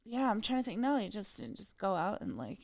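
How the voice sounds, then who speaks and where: Creaky western Canadian woman, blunt and sweary. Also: mid-range voice, big pitch swings, a little fast, a little mellow. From Calgary, Canada. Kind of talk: casual chat, crude slang.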